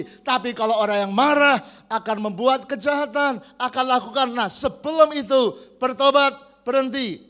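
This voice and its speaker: A male pastor preaching a sermon at a church service, telling lively stories and prompting the congregation to repeat key words back to him. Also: very high voice.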